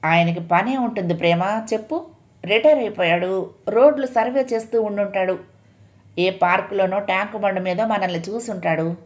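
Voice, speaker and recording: A woman's voice: mid-range voice, normal speed, lightly acted. A woman voicing a confident young man who reassures his frightened fiancée with a cocky tone, in a read-aloud story.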